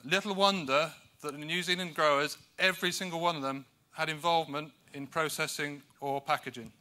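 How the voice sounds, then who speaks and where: A British man gives a conference presentation, his voice a little high and sharp, his delivery slightly fast with fairly even intonation. He uses dry, self-deprecating humour and fills the gaps between points with hesitant fillers.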